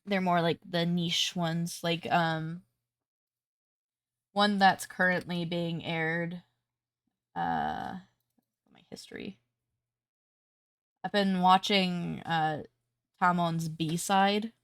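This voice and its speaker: A woman streamer talks at an unhurried pace, her voice stuffy and congested. She rambles casually with plenty of fillers into a close desk mic. The sound is dry and close. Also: on the low side, clean tone, no echo. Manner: relaxed, rambling, with many fillers. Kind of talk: casual live-stream chat.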